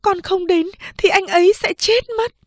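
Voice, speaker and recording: A woman's voice: very high voice, fairly even intonation, moderate pace, no room sound, voice pushed up. A woman voicing a desperate young woman who tearfully begs her mother in an audiobook. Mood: tearful pleading. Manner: tearful, pleading.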